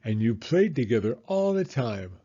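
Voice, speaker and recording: A man voicing a fond, patient mother pig in a storybook, gently explaining. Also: mid-range voice, very animated, normal speed, husky, dull audio. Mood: fond reminiscing.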